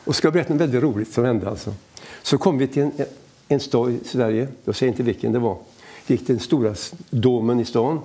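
A middle-aged man, a preacher-type guest, telling church anecdotes in conversation and acting out the people he quotes. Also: mid-range voice. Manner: lively storyteller who acts out quoted dialogue. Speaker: evangelist guest.

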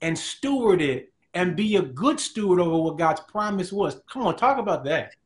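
A male host of a faith talk show speaks in an emphatic, preacherly way. He turns to the audience as he makes his points, and his voice sits a little high for a man. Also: sing-song, moderate pace.

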